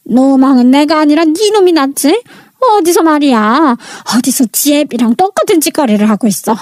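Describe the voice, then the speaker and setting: A woman's voice: high voice, animated, normal speed, a little mellow, no room sound, clean studio sound. A woman voicing a furious elderly mother-in-law who scolds bluntly and bosses everyone around.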